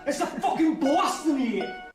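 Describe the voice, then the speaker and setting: A man's voice: very high voice, very animated, exaggerated voice. Man doing a paranoid cursing American gangster. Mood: accusing. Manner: aggressive, rapid cursing accusations. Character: paranoid male American gangster hunting a cop rat. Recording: roomy echo over loud music.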